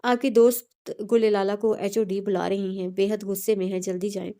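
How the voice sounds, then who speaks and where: A woman's voice: mid-range voice, flat delivery, moderate pace, dark tone, lightly acted. A woman playing young male prankster, overly polite, urgent, storybook. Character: young male student, falsely courteous prankster.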